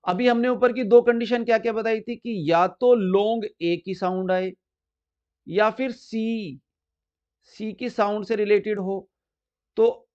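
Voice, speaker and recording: A man teaching English spelling rules, explaining slowly and repeating examples, stressing the key words. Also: high-pitched, darkish tone. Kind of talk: explanatory lesson. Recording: dull lo-fi recording.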